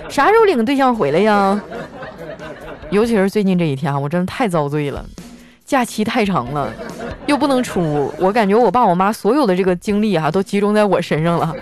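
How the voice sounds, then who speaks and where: Lively woman storyteller. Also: medium pitch, fast, soft background music, some chatter behind. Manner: chatty, teasing, laughs while telling stories. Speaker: radio-style podcast host reading listener stories. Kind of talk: comic storytelling.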